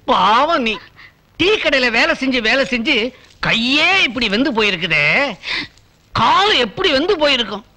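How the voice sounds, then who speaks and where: A man's voice: extremely high pitch, sing-song, normal speed, long pauses, pushed and bright. A man acting in a Tamil film comedy scene, teasing and boastful, with sing-song calls.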